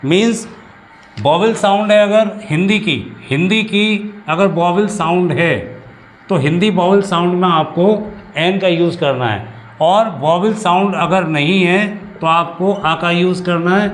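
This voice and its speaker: Male Hindi teacher explaining, slightly higher voice. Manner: explains slowly with many repetitions and restarts. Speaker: English teacher. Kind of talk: classroom-style grammar lesson.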